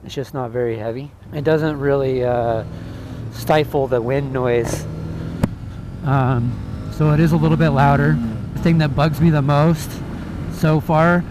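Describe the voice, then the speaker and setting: A man's voice: medium pitch, steady tone, a little slow. A man chatting casually as he gives a spoken gear review from inside a motorcycle helmet while riding. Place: outdoors on a moving motorcycle. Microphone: mic inside a helmet. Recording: helmet mic with clear traffic and vehicle noise. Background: vehicle and road noise.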